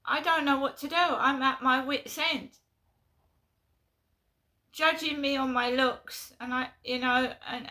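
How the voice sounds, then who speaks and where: Woman with a London accent, fed-up vlogger, slightly high, sharp forceful tone. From London, England. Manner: exasperated, repeats herself, talks in short bursts. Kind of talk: casual venting vlog.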